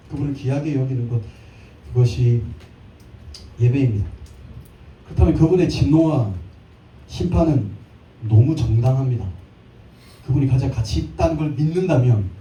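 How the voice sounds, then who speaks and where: A man's voice: fairly high pitch, dark tone. A man in his thirties preaching a live church sermon, playful, with jokes and little acted scenes. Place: church sanctuary. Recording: echoey church hall from a distant mic.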